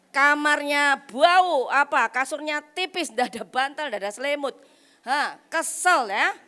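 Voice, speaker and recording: A woman evangelist preaches a lively sermon at a retreat, teasing and blunt, firing rhetorical questions at the crowd and dropping in English phrases. Her voice sits high.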